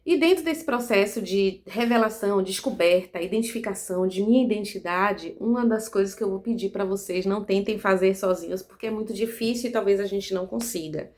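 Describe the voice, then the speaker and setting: A woman from Salvador, speaking in an earnest, measured way in a reflective monologue to camera, often tagging her sentences with "né". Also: medium pitch, a little mellow. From Salvador, Bahia, Brazil. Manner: earnest, measured, frequent "né" tag questions. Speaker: self-development vlogger.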